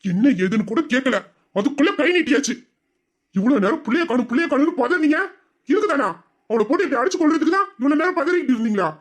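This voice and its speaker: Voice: sits high, animated, fast. Voice actor as a fierce protective young uncle. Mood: angry, protective. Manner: scolding, then gently soothing. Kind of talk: family drama acting.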